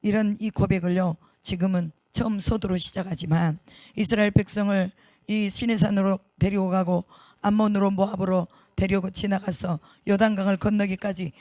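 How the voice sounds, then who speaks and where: A man's voice: high-pitched, little pitch movement, normal speed, darkish tone, no echo. A man preaching a sermon as pastor, emphatic, repeating key words and putting rhetorical questions to the congregation.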